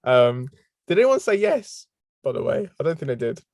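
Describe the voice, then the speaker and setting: A man's voice: on the high side, big pitch swings, normal speed, a little mellow, dry recording, clean studio sound. A man co-hosting a podcast in casual chat, laughing often as he talks. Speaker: podcast co-host.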